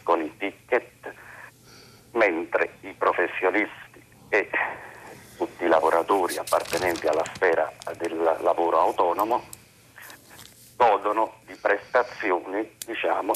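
A man from Naples phoning in to a radio talk show, asking a long question in a formal, hesitant way with many pauses and fillers. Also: low voice, a bit bright, a little hiss or hum, rough recording. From Naples, Italy. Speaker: radio phone-in caller.

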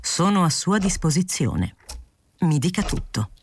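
A woman voicing an aging male journalist who is mild, polite and quietly insistent, in a literary audiobook. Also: lowish voice, very animated, unhurried, a little hiss or hum, voice pushed up.

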